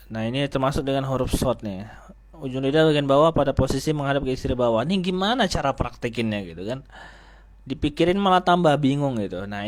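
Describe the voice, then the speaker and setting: A man teaching students how to pronounce letters, in a casual manner, asking the class questions and answering them himself. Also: mid-range voice. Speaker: Quran recitation teacher. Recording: noisy recording with clicks.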